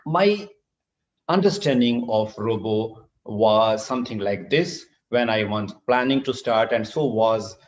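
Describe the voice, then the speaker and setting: A man's voice: on the low side, lively intonation, a little slow. A middle-aged man from Assam gives a formal university lecture as a surgeon, hesitant, with many filler sounds and restarts, captured in a screen recording of an online session. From Assam, India. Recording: dull lo-fi online call audio.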